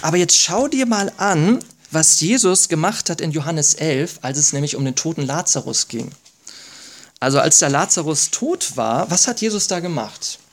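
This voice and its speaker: A man preaching a sermon, asking rhetorical questions and reading scripture aloud slowly with emphasis. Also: fairly high pitch, animated.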